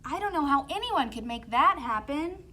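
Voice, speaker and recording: A woman's voice: high voice, animated, moderate pace, sharp tone, voice pushed up. A woman voicing a kind, wistful young girl in a fairy tale storybook. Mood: wistful, pleading.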